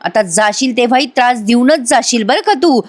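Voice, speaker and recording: This is a biting young woman in a family drama, scornful and quick to taunt. A woman reads her out with a higher, sharper pitch than her own narrating voice, pushing the complaints up into a shrill whine. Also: lively intonation.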